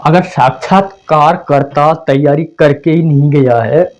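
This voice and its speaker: Fairly high in pitch and a bit slow, this male teacher gives a conversational exam-prep explanation. He repeats points and acts out phrasings to make meanings clear, on a dull lo-fi home recording.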